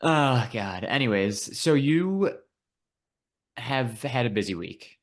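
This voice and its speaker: A man's voice: medium pitch, expressive, takes it slowly, a little hiss or hum. Teasing, joking podcast co-host man. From Buffalo, New York, USA. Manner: teasing, joking, swears casually. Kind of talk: casual chat.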